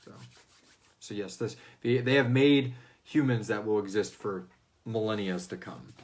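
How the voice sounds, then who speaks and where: This host and series creator leads an easygoing Q&A in a lowish voice at a measured pace. His manner is informal and loose, with some swearing and quotes acted out.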